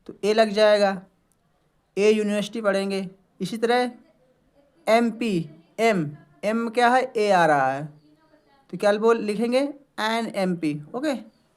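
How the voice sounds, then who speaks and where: Patient teacher drilling word pronunciation. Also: male voice, sits high, clean tone. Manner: asks questions and answers them himself, often adding a checking "okay"; repeats words slowly to model their pronunciation. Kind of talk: classroom-style lesson explaining English words in Hindi.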